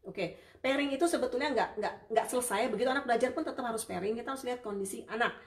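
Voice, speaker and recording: A woman therapist hosting a casual live-stream Q&A, chatty and warm with viewers, full of hesitations and fillers. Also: fairly high pitch, racing. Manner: warm and apologetic toward viewers. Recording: roomy sound, distant from the mic.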